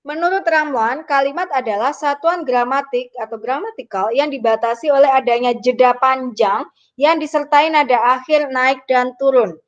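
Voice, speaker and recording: A woman's voice: high-pitched, moderate pace, muffled recording. A woman teacher explaining a grammar lesson patiently, acting out example sentences as she goes. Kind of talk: online lesson.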